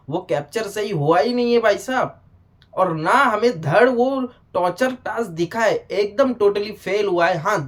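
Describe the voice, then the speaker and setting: A man giving a casual, animated video review, often addressing the show directly. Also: sits high.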